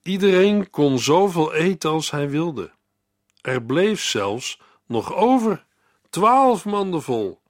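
A man reads scripture and reflects on it in a measured, earnest way, turning now and then to speak to the listener. His voice sits at an ordinary middle pitch. The recording is dry and close, with no room sound. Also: no room sound. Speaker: radio Bible teacher. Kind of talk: Bible reading and devotional commentary.

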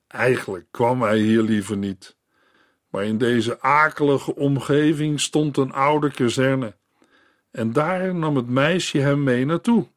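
A man narrating a scripted devotional story in a measured storytelling manner as the host of a Bible series. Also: medium pitch, no echo, studio quality.

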